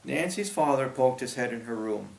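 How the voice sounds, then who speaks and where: Gravelly man reading aloud. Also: medium pitch, moderate pace. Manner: steady storytelling. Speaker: audiobook narrator. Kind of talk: scripted narration. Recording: roomy echo.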